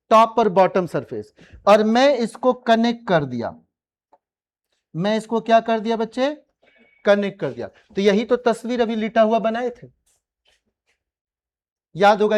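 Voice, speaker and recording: A man's voice: high-pitched, darkish tone. A man teaching a maths class, teasing and coaxing his students to answer, slipping English phrases into his talk. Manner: mixes English phrases into speech. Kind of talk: classroom lecture.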